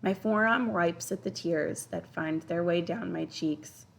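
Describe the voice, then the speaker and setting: A woman teacher reading a children's novel aloud in a steady, expressive first-person storytelling voice. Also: on the low side, unhurried, vocal fry. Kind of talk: children's audiobook narration.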